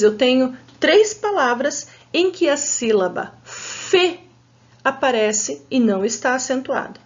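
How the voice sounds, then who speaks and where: Slow, patient woman teacher sounding out syllables. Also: fairly high pitch, muffled recording. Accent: Brazilian Portuguese. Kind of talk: adult literacy lesson.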